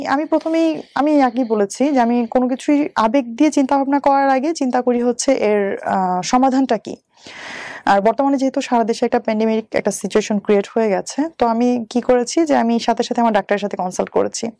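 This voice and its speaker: A Bangladeshi-accented woman in her thirties, a bank employee appearing as an interview guest, tells a personal story step by step, mixing in some English words. Her voice is on the high side with a dark tone and a little fast, recorded clean in a studio with no room sound.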